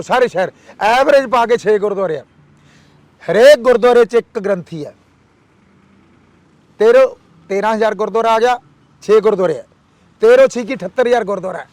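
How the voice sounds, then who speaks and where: A man's voice: high voice, darkish tone, dry recording. A man giving an impassioned interview, firing off rhetorical questions and repeated demands. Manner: fiery, rhetorical, repeats demands in rapid lists.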